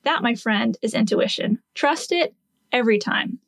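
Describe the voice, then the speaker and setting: A woman's voice: a little high, moderate pace, vocal fry, dry recording. A woman in her forties, a nurse hosting a podcast, telling a patient story and teaching in an earnest, explanatory way with rhetorical questions.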